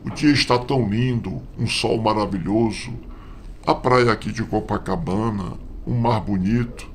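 A man voicing a kindly passerby who gently consoles a crying stranger. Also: lowish voice, measured pace, slight background noise, voice pushed down. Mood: consoling. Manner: gentle, reassuring.

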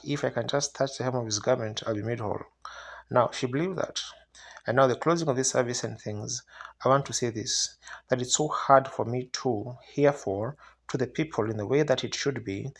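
Man, revival sermon, earnest preacher, rough raspy tone, heavy gravel, questions put to listeners. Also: mid-range voice. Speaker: visiting evangelist preacher.

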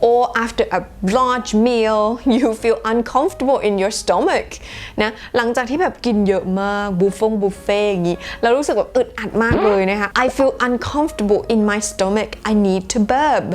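Young woman teaching english, says every phrase slowly twice, laughs a lot, soft music in the back. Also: fairly high pitch. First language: Thai. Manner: slow, careful model sentences, repeated twice, with frequent giggles. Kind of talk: casual English lesson in Thai.

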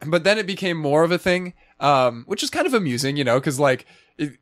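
A man's voice: a little high, big pitch swings, brisk, fairly bright tone, no echo, clean studio sound. A man co-hosting a podcast, chatting casually through a film review with many fillers and frequent laughs. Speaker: podcast co-host.

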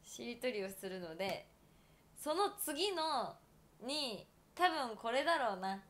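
A young woman in her twenties hosts a casual solo livestream, her voice pitched a little high. She rambles with plenty of fillers and giggles, chatting to her viewers. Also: sing-song, slow pace, fairly bright tone. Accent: Toyama Japanese. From Japan (Toyama). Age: 20s. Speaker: livestream host.

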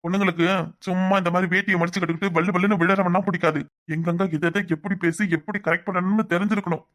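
A man's voice: sits high, fairly even intonation, rapid-fire, fairly bright tone. A man voicing a smug, fair-skinned young rival in a cartoon, taunting and sneering, with a Kanyakumari Tamil accent. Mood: mocking. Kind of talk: cartoon voice acting.

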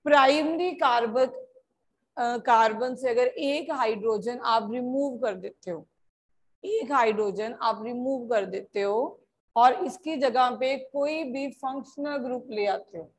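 A woman from India teaching a chemistry class, switching between Hindi and English, calling her students "beta" and checking often that they follow. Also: on the high side. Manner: slow, deliberate explanation. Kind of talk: classroom lecture.

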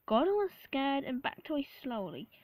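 A woman's voice: high-pitched, big pitch swings, darkish tone, no room sound, rough recording. Woman reading a picture book aloud. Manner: halting reading with fillers and slips. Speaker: storybook reader.

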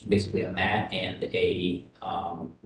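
A man presenting an architectural design at a public meeting, halting, with many fillers. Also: sits low, level tone. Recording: echoey room with faint noise.

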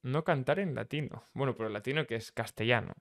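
A young man from Menorca, chatting casually on a live stream as he reacts to a song, relaxed and self-deprecating, chuckling often. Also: medium pitch, quick pace. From Menorca, Spain.

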